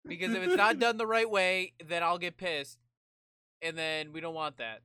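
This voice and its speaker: Brash, bright-voiced podcast host man. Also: high-pitched, moderate pace, smooth, dry recording. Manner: brash, swears a lot, laughs often. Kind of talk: casual podcast banter.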